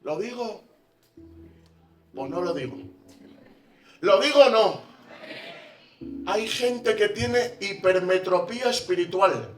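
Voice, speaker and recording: Predicador español de voz aguda y resonante. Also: male voice, sits high, expressive, slow pace, long pauses. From Spain. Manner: swings from hushed to shouting. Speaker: pastor. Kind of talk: sermon. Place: church. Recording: echoey church from far off, faint music.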